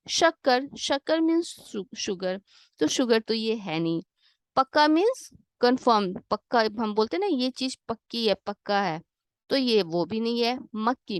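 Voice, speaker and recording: Patient woman teaching Hindi, higher voice. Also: dry recording, studio quality. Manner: patient, asks questions then answers them herself; mixes English glosses into her explanations. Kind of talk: worksheet lesson voice-over.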